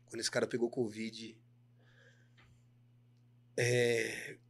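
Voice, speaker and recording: A man's voice: medium pitch, completely flat delivery, slow pace, gravelly. A man with a Brazilian Portuguese accent, a podcast guest who tells his stories in slangy casual chat and acts out the dialogue. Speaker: guest, clothing brand owner.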